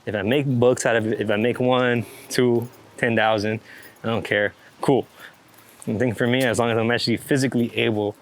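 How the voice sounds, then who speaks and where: This man talks a little fast at a medium pitch, keeping his intonation fairly even. He's a street photographer in an interview, swearing freely and rambling in a relaxed, casual chat about his photography.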